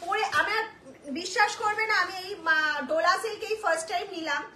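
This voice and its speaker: A woman hosting a live sari sale, repeating prices and urging viewers to book quickly, slipping into Hindi and English phrases. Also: very high voice, bright, forceful tone. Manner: repetitive, urgent, coaxing buyers. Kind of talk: live-stream sales pitch. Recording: echoey room with faint noise.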